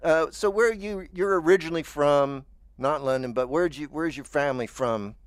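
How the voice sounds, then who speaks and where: A man's voice: a little high, moderate pace, no echo. Podcast host, American man, chatty and rambling, dry close mic. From United States. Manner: rambling, chatty, with stammered restarts. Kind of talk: casual chat.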